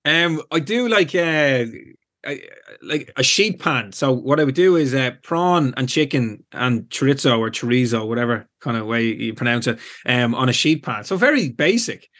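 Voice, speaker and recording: A man's voice: medium pitch, expressive, moderate pace, a bit bright. Man, 40s, Irish accent, guest, casual chat, rambling, filler words. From Ireland. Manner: rambling, chatty, lots of fillers.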